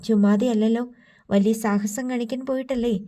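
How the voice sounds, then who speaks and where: A woman reading the part of a stern, sharp-tongued young nurse in an audiobook. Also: on the high side, steady tone, normal speed, close to an everyday voice. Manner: curt, scolding. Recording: slightly distant from mic.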